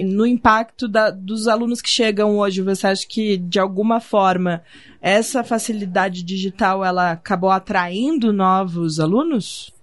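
A Brazilian woman hosting a podcast, asking her guest questions in a casual, conversational way. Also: mid-range voice. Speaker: podcast host interviewing a guest.

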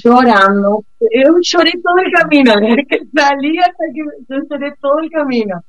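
A woman telling a personal story in a casual, expressive way, acting out the people she quotes. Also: high-pitched, normal speed, dry recording. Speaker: guest telling of a bicycle trip. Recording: muffled lo-fi dry sound.

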